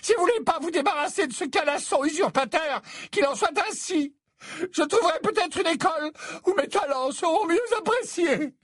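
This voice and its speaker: A man's voice: extremely high pitch, very animated, a little slow, fairly bright tone, dry recording, clean studio sound, pitched above the performer's own voice, heavily acted. A man voicing an eccentric female divination teacher who speaks in a theatrical, melodramatic, wounded way.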